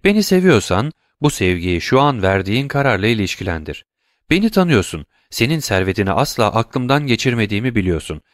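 A man's voice: lowish voice, sing-song, a little fast, no echo, clean studio sound. A man voicing a tearful, devoted young granddaughter in an audiobook, earnest and pleading. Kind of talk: audiobook reading.

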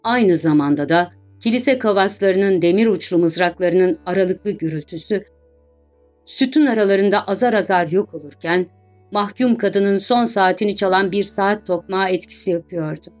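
Female audiobook narrator, measured dramatic literary reading, mid-pitched voice; dull lo-fi track with faint music underneath. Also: a little mellow.

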